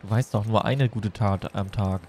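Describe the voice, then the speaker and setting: This German man's voice is fairly low, a little mellow, with fairly even intonation and a normal speed. He chats playfully and casually while livestreaming a game, wandering between topics. A little hiss or hum is audible.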